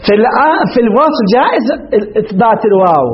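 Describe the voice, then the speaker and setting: A man's voice: very high voice, very animated, fast, lo-fi sound. A man explaining a grammar text as a teacher. He asks rhetorical questions and repeats the example words with colloquial fillers.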